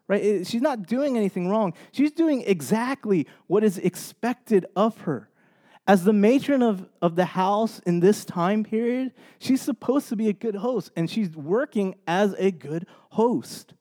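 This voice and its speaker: High-voiced man preaching casually. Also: darkish tone. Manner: conversational, often checks in with "right?". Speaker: pastor. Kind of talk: casual sermon.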